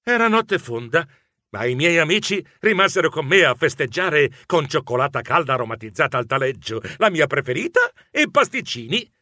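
A man narrating a children's story in an expressive, animated way. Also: a little high, normal speed, dry recording, clean studio sound. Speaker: audiobook narrator.

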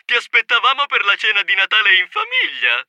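A man voicing a loud, brash male cousin mouse who teases and shouts, in a children's audiobook. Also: extremely high pitch, very animated, a little fast, creaky, no echo, pitched above the performer's own voice, heavily acted. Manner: shouty, bright, teasing.

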